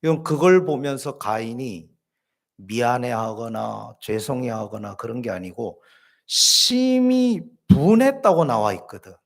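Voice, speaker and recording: A man's voice: medium pitch, a little slow, vocal fry. A man preaching a sermon as pastor, telling everyday stories and asking the congregation questions. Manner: lively storytelling with everyday examples and questions to the congregation. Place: church.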